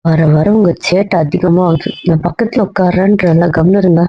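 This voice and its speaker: A woman's voice: lowish voice, fairly even intonation, normal speed, no echo, muffled recording. A woman playing a wife in a comedy audio drama, bossy and teasing as she scolds. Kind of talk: casual role-play banter.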